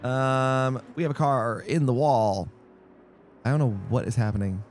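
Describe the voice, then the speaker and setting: A man's voice: medium pitch, measured pace, a little hiss or hum. A young man rambling through casual live-stream commentary on a sim race, jokey and easily distracted. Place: home streaming setup.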